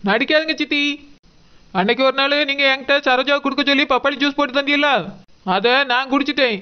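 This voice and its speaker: A woman voicing a young village daughter-in-law in a cartoon drama, speaking Tirunelveli Tamil with quick, accusing retorts. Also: sits high, fairly even intonation, dull audio, lightly acted.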